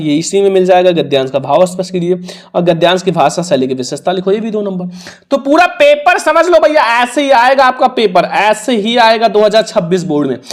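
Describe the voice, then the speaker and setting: A man with a Hindi accent teaching an exam prep lesson in a casual, coaxing way, repeating the answers and the marks. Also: high voice.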